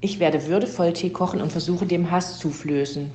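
A woman reading aloud plays a calm, dignified storybook lady who speaks in a composed, measured tone. Her voice is low and mellow, with an echoey room and a faint hum behind it. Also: lightly acted.

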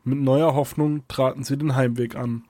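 A man reads a fantasy adventure aloud in a steady, even storybook voice. His pitch sits in the middle, and the sound is dry and close with no room echo. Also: normal speed. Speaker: narrator. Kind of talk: scripted storybook narration.

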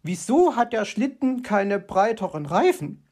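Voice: medium pitch, very animated, unhurried, a little mellow, pitched above the performer's own voice. A reader voicing a nosy, know-it-all female magpie who questions and lectures in a storybook reading. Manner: bossy, inquisitive.

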